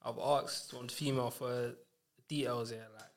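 A man's voice: mid-range voice, steady tone, measured pace. A young man with a London roadman street accent, chatting casually in slang and repeating himself for emphasis. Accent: London, urban street style. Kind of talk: casual banter among friends.

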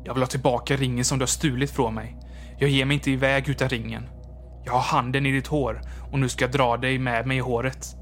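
A menacing skeleton ghost from a spooky storybook, relentless and threatening, voiced by a man. Its demands carry a cold, unhurried weight. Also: medium pitch, level tone, faint music behind, lightly acted. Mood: shouting.

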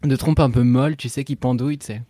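A podcast co-host rambling quickly and trailing off. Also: medium pitch, fairly even intonation, mellow, no echo, studio quality. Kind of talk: casual podcast chat.

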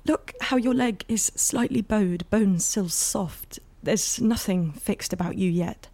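An actress playing an exhausted, tender and anxious new mother, telling her inner thoughts in a hushed, confessional voice. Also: mid-range voice, slow pace. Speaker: narrator. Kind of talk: intimate dramatic monologue.

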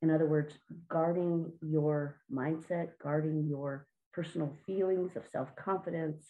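A woman's voice: sits low, fairly even intonation, a little slow, phone-quality sound. A woman answering interview questions as a children's mindset coach, earnest and encouraging, sometimes repeating words.

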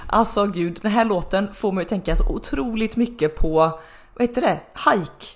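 A woman in her thirties co-hosting a podcast, telling stories in a lively, chatty way. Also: mid-range voice. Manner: chatty, animated storytelling with laughs. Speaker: podcast co-host. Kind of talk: casual chat.

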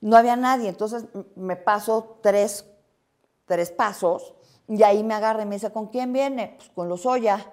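Woman telling a story, mellow voice, acts out the back-and-forth. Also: mid-range voice, moderate pace. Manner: lively, acts out quoted dialogue. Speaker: interviewee. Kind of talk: animated storytelling in an interview.

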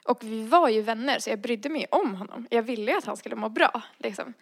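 A woman's voice: a little high, expressive, no room sound, clean studio sound. A woman casually telling a personal story and acting out the dialogue in it, full of fillers. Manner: acts out quoted dialogue, frequent fillers.

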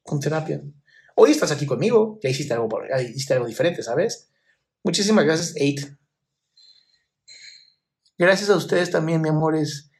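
A man's voice: fairly high pitch, lively intonation, moderate pace, pauses often, darkish tone. A man hosting a live stream, reading viewer questions aloud and answering them with frank emotional advice, calling viewers "my love.". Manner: affectionate, calls viewers "my love".

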